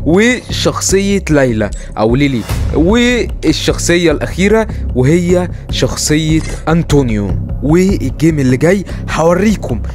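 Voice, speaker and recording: A man with an Egyptian Arabic accent giving excitable live commentary over his gameplay, calling out to his viewers. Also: fairly high pitch, moderate pace, hardly any pauses. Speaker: gaming YouTuber. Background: game music and gunfire.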